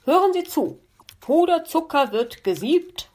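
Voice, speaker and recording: A genial fox gentleman from a children's audiobook, courteous and amused, speaking a little lower and bolder than the storyteller, as a woman reader does him. He sounds pleased with his own rhymes. The tone is unhurried and friendly. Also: very animated. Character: genial polite male fox baker.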